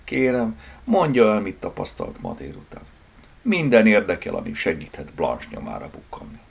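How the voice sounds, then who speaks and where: A man voicing an impatient, anxious young woman in an audiobook, speaking in sharp, raised exclamations with a gravelly edge. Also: deep voice, huge pitch swings, exaggerated voice.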